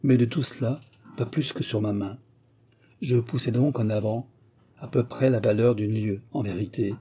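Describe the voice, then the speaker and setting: A man's voice: medium pitch, moderate pace, slightly rough, lightly acted. A man reading the part of a chatty male servant who tells his tale in long, rambling detail, for an audiobook. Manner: long-winded, excitable storytelling.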